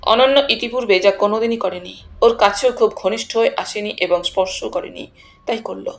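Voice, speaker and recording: A woman narrating a detective audiobook in a measured storytelling manner. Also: mid-range voice, creaky. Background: faint background music.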